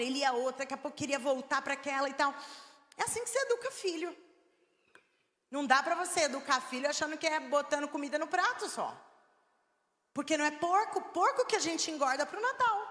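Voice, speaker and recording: A woman preaching a sermon in Brazilian Portuguese, animated, moving between soft, coaxing talk and firm, loud emphasis. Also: sits high. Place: large church hall. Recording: long hall reverb.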